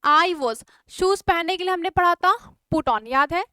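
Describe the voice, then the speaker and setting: A woman's voice: very high-pitched, animated, unhurried, sharp tone, no room sound, studio quality. A woman with an Indian accent teaching a spoken English class online, explaining step by step and often checking whether everyone follows.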